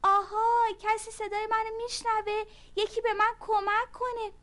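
A woman's voice: high-pitched, expressive. A woman voicing a greedy, whiny little ant in a children's story, demanding and calling out for help. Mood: shouting.

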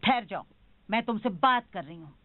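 A woman's voice: mid-range voice, expressive, normal speed, lightly acted. A woman playing an indignant mother who scolds her grown son, in a dubbed TV drama. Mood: stern. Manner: scolding, insistent. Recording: tinny phone-like sound.

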